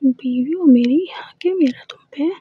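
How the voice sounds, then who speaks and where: A woman's voice: high voice, unhurried, no room sound. A woman whispering as a teasing, confident lover. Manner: playful coaxing murmurs. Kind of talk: whispered role-play. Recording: dull lo-fi recording.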